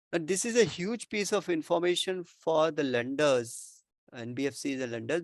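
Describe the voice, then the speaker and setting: In a dry recording, a man with a slightly high voice and an Indian accent gives an informal explanatory Q&A with worked examples. He answers like an expert, repeating himself frequently and asking "right?" to check understanding.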